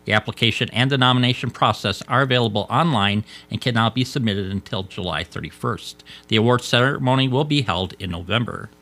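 An American man reading scripted local radio news as an announcer, in a measured, formal way. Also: mid-range voice, bright, forceful tone. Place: radio studio.

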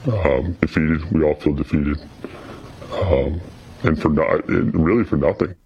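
Man with a disguised, very deep altered voice. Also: measured pace, gravelly, muffled recording, a little hiss or hum. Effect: voice electronically altered to sound very deep. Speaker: interviewee.

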